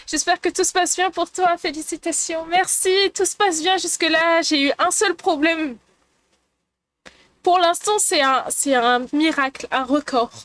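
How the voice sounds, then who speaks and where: Giggly high-voiced woman streamer. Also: a little slow, fairly bright tone. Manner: playful and giggly, teasing the chat. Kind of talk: casual live-stream chat, reading viewer messages.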